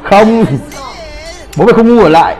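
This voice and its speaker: A man's voice: sits high, animated, brisk, soft background music. A man giving brash live commentary on a game he is playing, swearing and trash-talking his teammates. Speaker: gaming streamer.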